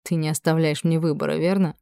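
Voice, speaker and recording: A woman reading the part of a commanding noble dragon lord, speaking low, hushed and soft. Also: flat delivery, fast, creaky, no room sound, studio quality.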